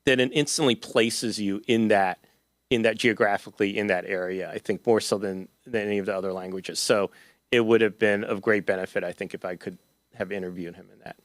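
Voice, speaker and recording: At a book talk in an event hall, a male author fields audience questions in a loose, chatty way, full of fillers and restarts. His voice sits lowish, with a steady tone and a brisk pace, and the recording has no echo.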